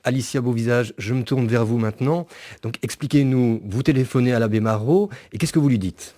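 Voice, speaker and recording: Male host, formal and direct, mellow tone. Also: medium pitch, a little fast, no room sound, studio quality. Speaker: interviewer. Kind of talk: formal interviewing.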